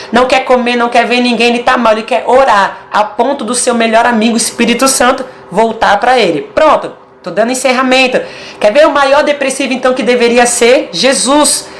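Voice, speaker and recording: A woman with a Brazilian Portuguese accent and a voice on the high side gives a casual video sermon. She is emphatic, stacking up short repeated phrases, with a slight hiss or hum in the background.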